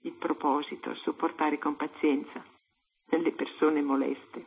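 A woman co-host reading a devotional story aloud in a calm, measured way on religious radio. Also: low-pitched, breathy edge. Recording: narrow phone-like radio sound.

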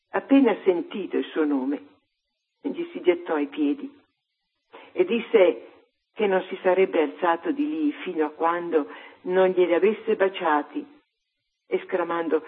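A woman co-host reading a devotional story aloud in a calm, measured way on religious radio. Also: fairly low pitch, breathy edge. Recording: narrow phone-like radio sound.

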